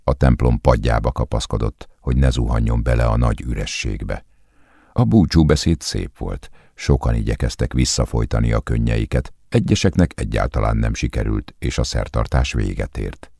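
Audiobook narrator, man, very low gravelly voice, calm measured delivery, dry close studio sound. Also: dry recording. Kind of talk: scripted literary narration.

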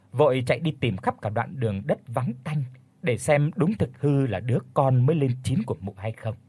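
A man's voice: medium pitch, darkish tone, breathy edge, dry recording. A man narrating a horror audiobook with dramatic storytelling.

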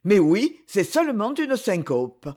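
A proud young nobleman, cold and measured, weighed down by remorse, as a male reader plays him. He is an audiobook character, and his speech still carries a lively, fairly high voice.

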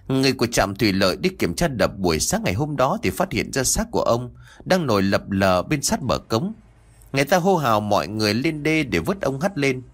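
A male storyteller reads a village ghost story for an audiobook. His pitch moves widely and lively through each sentence, and he leans into the drama of the telling. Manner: expressive, dramatic.

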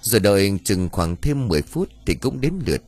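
A deep, husky male voice narrating a village ghost story, with a lively pitch that rises and falls as he tells it. Faint music plays underneath. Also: a little fast. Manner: expressive storytelling. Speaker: audiobook narrator.

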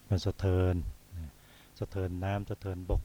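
A Buddhist monk from Thailand giving a dhamma talk, unhurried, often pausing on soft particles and repeating phrases. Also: male voice, deep voice, little pitch movement, slightly rough. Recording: dull lo-fi recording.

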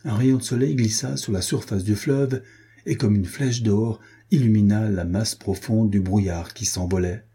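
A man reading a historical adventure novel aloud as an audiobook narrator, in an even, measured way. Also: fairly low pitch, breathy edge. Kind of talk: scripted narration.

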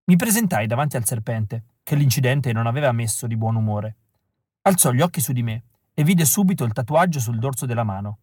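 A male audiobook reader narrating a story in a wry, deadpan way. His voice sits at a middle pitch. The recording is dry and close, with no room sound. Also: fairly quick, breathy edge, no echo. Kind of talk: scripted narration.

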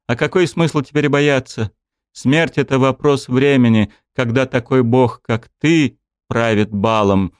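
A man voicing an elder female dryad who speaks calmly with bitterness and sorrow. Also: mid-range voice, a little slow, clean tone, no echo, studio quality, voice pushed up, close to an everyday voice. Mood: sorrowful. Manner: calm, bitter and sad.

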